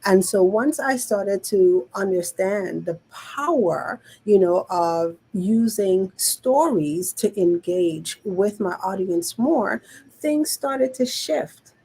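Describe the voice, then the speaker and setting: A woman's voice: medium pitch, lively intonation, takes it slowly, creaky, dark tone, breathy edge, poor audio. A woman with a Caribbean island accent, teaching conversationally as a show host, repeating phrases for emphasis and often checking in with her listeners. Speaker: show co-host, business coach. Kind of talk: conversational teaching talk to an online audience.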